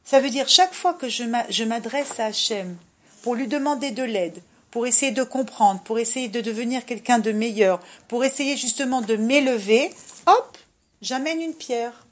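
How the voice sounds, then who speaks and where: A woman giving an informal religious talk, animated and direct, swinging between loud emphasis and a soft murmur and often asking the listener if they understand. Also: on the high side, moderate pace. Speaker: religious speaker giving advice.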